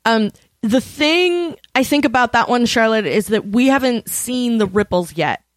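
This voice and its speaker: A woman's voice: fairly high pitch, animated, a little slow, no echo. A woman hosting a podcast in a chatty casual talk, with lots of fillers. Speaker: podcast host. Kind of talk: casual chat.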